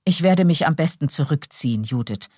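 Courteous young gentleman, late twenties, read by a woman in a lowered, dark, husky, soft-spoken audiobook voice. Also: animated, a little fast, no room sound, clean studio sound.

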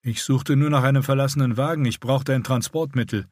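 A man's voice: mid-range voice, fairly even intonation, brisk, dry recording, studio quality, voice pushed up, close to an everyday voice. A man voicing a cautious young man caught hiding, answering defensively. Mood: wary.

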